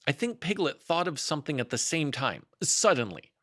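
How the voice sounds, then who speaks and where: A man's voice: a little high, sing-song, normal speed, pushed and bright, voice pushed up, full character voice. A man voicing a simple, earnest male toy bear in a storybook, musing innocently.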